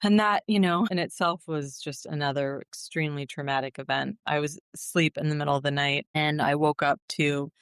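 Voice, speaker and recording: A woman's voice: low-pitched, steady tone, a little fast, few pauses, clear, resonant tone, no room sound, clean studio sound. A woman in her thirties, a podcast guest, telling a personal story earnestly and emotionally, with many fillers and restarts.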